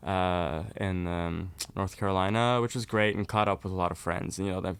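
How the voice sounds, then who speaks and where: A man's voice: low-pitched, fairly even intonation, a little fast, a bit bright, smooth, dry recording. A young man from Norway, a folk musician, chatting casually as an interview guest and laughing easily.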